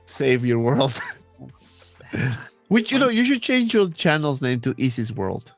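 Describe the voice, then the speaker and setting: A man's voice: medium pitch, big pitch swings, unhurried, soft background music. A man hosting a casual group chat, jokey and upbeat, thanking guests and passing the turn. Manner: jokey, upbeat, laughs easily. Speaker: host.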